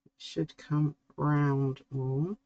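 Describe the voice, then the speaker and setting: A middle-aged woman, slowly talking through a drawing as she works and musing to herself. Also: deep voice, steady tone, mellow, lo-fi sound. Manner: slow, musing, talks to herself while drawing. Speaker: art tutor. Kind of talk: relaxed painting tutorial.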